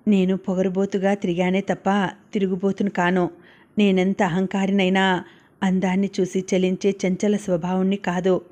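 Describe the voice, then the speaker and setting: Earnest young guy in love, read by a lady narrator, soft flat mellow voice, storybook. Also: medium pitch, normal speed, natural voice. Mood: pleading.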